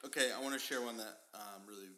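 A male host chatting casually, telling animated stories and laughing often. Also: on the low side, fast talker, a little hiss or hum. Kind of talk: casual chat.

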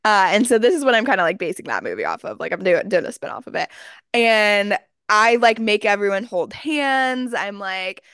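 Smooth-voiced young woman telling stories. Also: mid-range voice, normal speed, no room sound, studio quality. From Austin, Texas. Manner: animated storyteller, acts out quotes, many fillers. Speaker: podcast co-host. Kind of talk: casual chat, storytelling.

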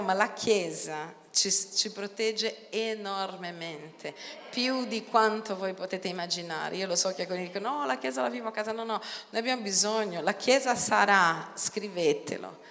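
A woman preaching a sermon in an animated way, swinging between quiet talk and loud outcries. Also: lowish voice. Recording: long hall reverb.

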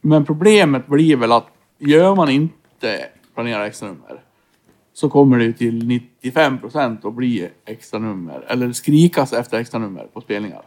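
A man's voice: medium pitch, expressive, a little mellow. A man who plays in a band, musing and giving his opinions in casual chat. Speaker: band member.

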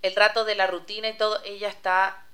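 A woman's voice: mid-range voice, level tone, brisk, sharp tone. Chatty woman co-host. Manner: chatty, many fillers and restarts. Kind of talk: casual radio talk.

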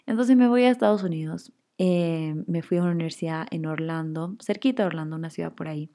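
A young woman telling a personal story in a chatty, expressive way, full of fillers, as a casual vlog. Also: lowish voice, fast.

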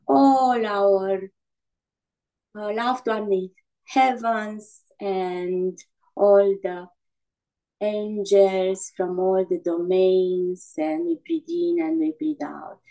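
Female guided meditation voice in a sleep story narrator manner: very unhurried, medium pitch, soothing, halting, improvised. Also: poor audio. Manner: soothing, halting delivery with gentle instructions and repeated breathing cues.

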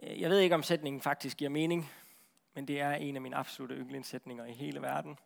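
A man preaching a sermon in a lively, talkative way, often repeating words and checking in with the listeners. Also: medium pitch, creaky.

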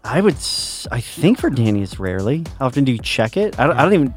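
A man's voice: medium pitch, very animated, fast talker, faint music behind. A man co-hosting a casual podcast, asking his friends questions with dry, mock-solemn humor. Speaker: podcast co-host. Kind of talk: casual chat.

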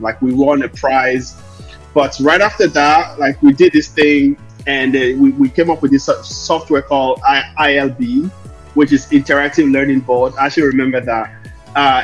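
A man tells his story as an interview guest, circling back and correcting himself as he goes. His voice is a little husky. The recording is dull and lo-fi, with music behind it. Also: medium pitch. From Lomé, Togo; later Ireland. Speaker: interview guest, investor and founder. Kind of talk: conversational interview answers.

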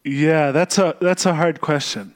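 A monk raised between Austria and the U.S. appears as a podcast guest to talk about his own path. His voice is slightly higher and fairly even in intonation. He speaks thoughtfully, pausing often and circling back as he searches for the right word.

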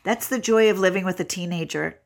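This middle-aged woman co-hosts a relationship show, keeping the talk casual and chatty while laughing easily. Her somewhat low, gravelly voice runs a little fast and sounds stuffy-nosed.

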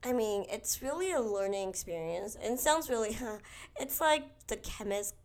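A young woman co-hosting a podcast, talking casually with a hoarse voice and laughing often. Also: a little high, animated, moderate pace, darkish tone. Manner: laughs often, chatty and upbeat. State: hoarse, voice mostly gone. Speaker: podcast co-host. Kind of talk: casual chat.

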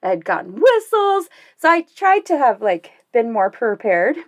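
A young woman recounts a trip in relaxed conversation, her voice sitting a little high. She is animated, laughs often and slips into voices to act out her own quotes. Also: normal speed. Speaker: guest telling a cycling story. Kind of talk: casual storytelling.

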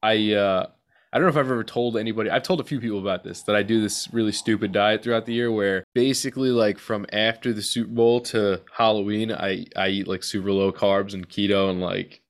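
Low-voiced man hosting a casual podcast. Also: steady tone, brisk. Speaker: podcast host. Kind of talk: casual chat.

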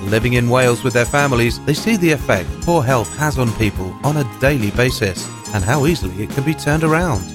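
A man announcing a show intro in a smooth, polished read. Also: medium pitch, animated, a little fast, hardly any pauses. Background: music.

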